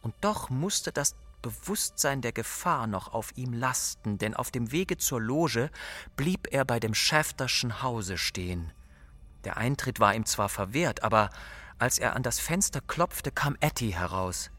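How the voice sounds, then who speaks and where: A man reading a story aloud in measured, serious scripted narration. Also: mid-range voice, expressive, sharp tone. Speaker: audiobook narrator.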